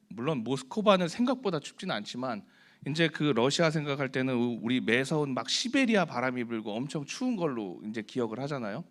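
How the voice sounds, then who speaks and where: A man giving a conversational Bible sermon, asking his listeners questions and acting out quoted prayers. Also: medium pitch. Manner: asks the listeners rhetorical questions; acts out quoted prayers and complaints. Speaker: preacher.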